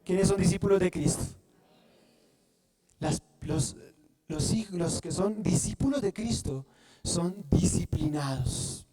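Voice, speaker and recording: A man preaching a sermon, often pausing to have the congregation fill in the word, and restarting phrases as he goes. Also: high voice, huge pitch swings, gravelly, dark tone. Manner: asks the congregation to fill in words. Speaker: pastor.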